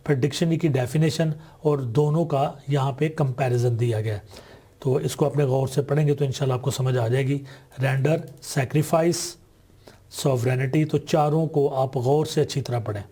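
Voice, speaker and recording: A man with a Pakistani accent teaching a textbook exercise, reading English sentences slowly and deliberately. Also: mid-range voice, warm tone.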